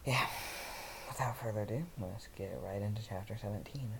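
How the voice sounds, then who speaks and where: A young man reading a story aloud in a monotone, breaking off into rambling, self-interrupting casual asides. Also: lowish voice, fairly quick, vocal fry, heavy background noise. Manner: monotone delivery. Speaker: host reading fan fiction aloud.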